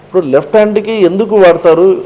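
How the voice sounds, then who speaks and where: A man, a shop owner explaining things slowly and emphatically as an interview guest. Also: sits high, warm tone, poor audio. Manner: slow, emphatic, explains step by step.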